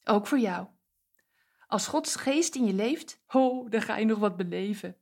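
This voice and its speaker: A woman's voice: mid-range voice, lively intonation, a little slow, darkish tone. A woman giving a short devotional message and prayer, speaking directly and encouragingly to the listener.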